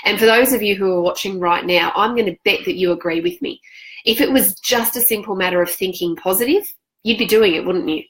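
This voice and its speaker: A woman's voice: medium pitch, animated, rough recording. Earnest woman giving a motivational talk. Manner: earnest, measured, with rhetorical questions to the viewer. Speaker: self-help author and women's coach. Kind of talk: direct-to-camera motivational talk.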